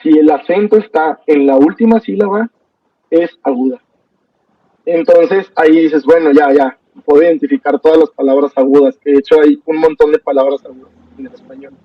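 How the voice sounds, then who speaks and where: Young guy teaching a poetry class online, kinda high voice, stops and restarts a lot, dull dry sound from off mic. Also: moderate pace, dry recording, recorded from a distance. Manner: relaxed, hesitant, many fillers and restarts.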